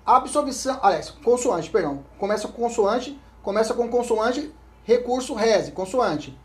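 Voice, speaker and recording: An expressive man with a Brazilian Portuguese accent speaks at normal speed in an exam-prep law lecture. He reads statutes, repeats the key points, checks in with listeners regularly, and often trails off into a low murmur.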